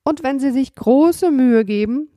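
A woman voicing a clever, cheeky boy puppet hero who talks briskly and bossily, coaxing others along. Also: high voice, warm tone, no echo, studio quality, voice pushed up. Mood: coaxing, sly.

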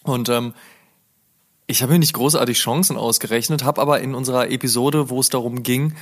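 A man's voice: medium pitch, fairly even intonation, fairly quick. Chatty podcast host, man. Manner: chatty, rambling with fillers. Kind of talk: casual podcast chat.

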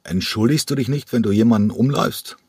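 A man's voice: fairly low pitch, a little fast, a little mellow, breathy edge, dry recording, clean studio sound, pitched above the performer's own voice. A man reading an audiobook and voicing a drunk, rowdy male bar guest who taunts and picks a fight. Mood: taunting. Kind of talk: audiobook character voice.

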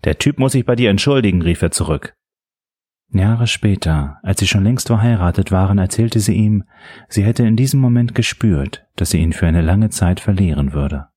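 Deep, husky male audiobook narrator. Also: no echo. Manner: measured, steady storytelling.

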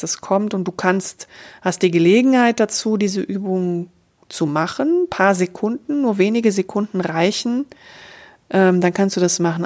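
A woman voice coach explaining a voice exercise on her podcast, speaking straight to the listener in an encouraging way. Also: fairly low pitch. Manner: encouraging, direct address to listener. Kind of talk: podcast voice lesson. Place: podcast recording.

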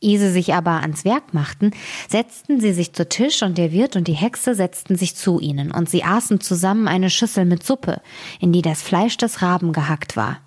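Eine Frau mit eher tiefer Stimme liest ruhig und gleichmäßig ein Märchen vor. Sie erzählt gelassen und deutlich, ganz im Ton eines Vorlese-Podcasts. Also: female voice, fairly low pitch, expressive, moderate pace, darkish tone, breathy edge. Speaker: radio presenter reading fairy tales. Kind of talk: storybook narration.

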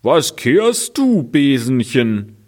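A man voicing a little talking cart in a storybook reading, in a high emphatic singsong. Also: very animated, extremely slow, a little mellow.

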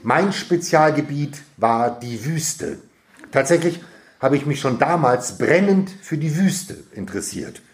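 A man reading a humorous first-person story aloud, lively and amused, often laughing as he reads. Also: on the high side, a little slow. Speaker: reader.

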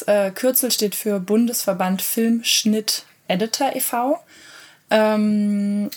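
Editor lady from berlin, medium voice, lots of ums, thinking out loud. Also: mid-range voice. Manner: thoughtful, many fillers. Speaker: guest film editor. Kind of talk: interview answers.

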